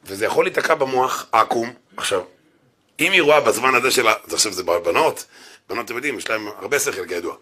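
A man, a rabbi, giving an animated Torah lecture in a synagogue, joking and acting out little quotes. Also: medium pitch, husky.

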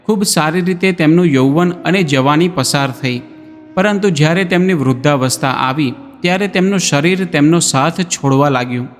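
A man narrating a scripted moral story in a measured way, speaking to listeners as friends. His voice is a little high. A long reverb trails each phrase, with music playing underneath.

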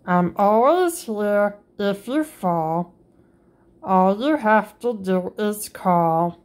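Reading a picture book to children, this woman keeps a slow, sing-song delivery and jumps high on the playful sound words. Her voice is animated and a little mellow.

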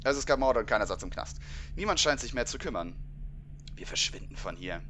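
A man's voice: mid-range voice, lively intonation, a little fast, background noise. A man hosting a horror game let's play, jumpy and swearing, yelping at scares and mixing English curses into his chatter. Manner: sprinkles English curses into German. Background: game music.

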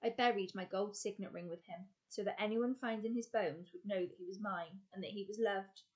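A woman reading aloud voices a gruff, brusque adult male explorer who gives clipped commands as if over engine noise. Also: medium pitch, fairly quick, a little mellow, dull audio, natural voice. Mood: commanding.

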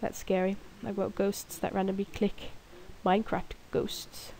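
Her voice is medium in pitch, gravelly and mellow, with a level, unhurried tone, and her nose is blocked from a cold. This young gaming creator chats over her play late at night in her room by herself, wandering off topic, laughing, and teasing herself.

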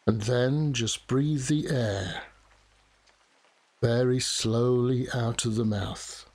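Slow, soft-spoken man guiding meditation. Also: medium pitch. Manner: soft, soothing, measured delivery with long pauses. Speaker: guided meditation narrator. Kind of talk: guided relaxation meditation narration. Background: steady rain.

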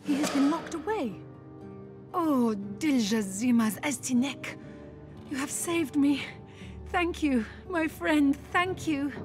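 A woman voicing an earnest, formal orc woman in a fantasy video game. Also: high-pitched.

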